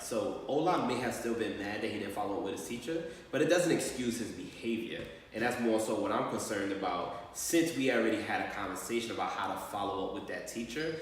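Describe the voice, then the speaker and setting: Recorded at a distance in a reverberant hall, a man plays a school staff member phoning a parent for a training exercise. His low voice is measured and explanatory, and the room's heavy echo comes with faint noise.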